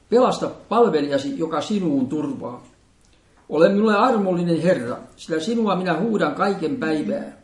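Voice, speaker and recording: A man preaching a sermon, reading scripture in a solemn, measured liturgical manner. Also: a little high, a little mellow, distant mic. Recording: echoey room, voice from off-mic.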